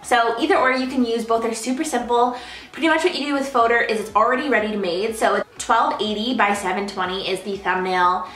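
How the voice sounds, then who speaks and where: A woman's voice: fairly high pitch, fairly bright tone. Young female YouTuber, chatty and upbeat, casual how-to delivery, echoey room. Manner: bubbly, chatty, repeats "super simple", many ums. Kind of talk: casual how-to chat to camera.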